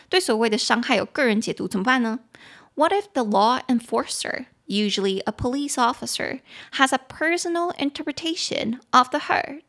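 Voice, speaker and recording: A woman hosting a podcast English lesson. She switches between Mandarin and English, repeats phrases slowly, spells words letter by letter, and adds frank personal opinions. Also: on the high side, creaky, a bit bright. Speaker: podcast host and English teacher.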